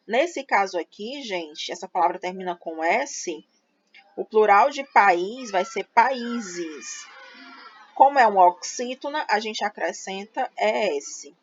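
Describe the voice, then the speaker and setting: Woman teacher, middle pitch, patient and explanatory, slightly dull lo-fi recording. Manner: slow, patient explaining to students, spelling out syllables. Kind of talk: grammar lesson.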